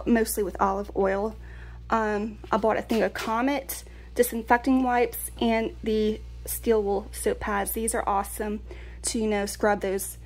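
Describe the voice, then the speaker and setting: Woman, middle-aged, chatty haul talk, slightly high pitch. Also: a little mellow. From Louisiana. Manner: chatty, keeps checking in with the viewers. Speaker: vlogger. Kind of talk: casual pantry haul chat.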